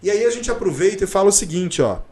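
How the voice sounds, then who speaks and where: Higher-voiced man teaching in an echoey room. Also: animated, a little mellow. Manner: explains slowly and often checks in with "né?" and "ok?". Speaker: English teacher. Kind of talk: casual online English lesson.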